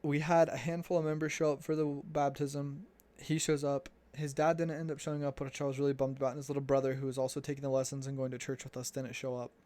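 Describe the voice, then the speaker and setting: A young man recounting a personal story in a loose, casual way, full of fillers and restarts. His pitch stays mid-range and quite flat, moving little from line to line. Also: fast talker. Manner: relaxed, chatty, with many fillers and restarts. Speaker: returned missionary storyteller.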